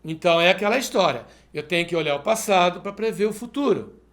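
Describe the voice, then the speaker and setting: A man's voice: high-pitched, lively intonation, fast, fairly bright tone, reverberant. A male math teacher solving exercises step by step in a video lesson, checking in with the viewer as he goes. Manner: methodical, explains step by step, asks "perfeito?".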